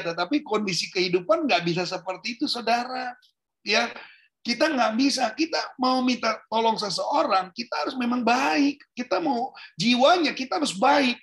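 This male pastor's voice is very high and sharp, with a breathy edge. Chatting his way through the sermon, he speaks straight to the congregation as "Saudara" and performs little quoted exchanges as he goes.

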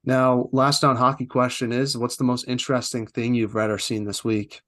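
A man's voice: mid-range voice, normal speed. Laid-back young man hosting a podcast. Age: young adult. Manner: relaxed, hesitant, frequent "uh" and "sort of". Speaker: podcast host. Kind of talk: casual interview chat.

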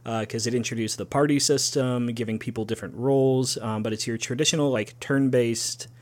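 A man co-hosting a podcast, explaining things in a steady, casual chat. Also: mid-range voice, brisk. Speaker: podcast co-host.

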